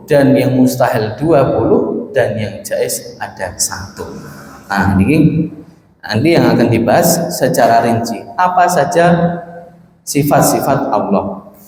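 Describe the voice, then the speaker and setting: A man's voice: on the high side, darkish tone. A man with a Javanese accent teaching a religious class, explaining patiently and repeating key terms as he translates Arabic phrases. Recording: echoey hall with long reverb.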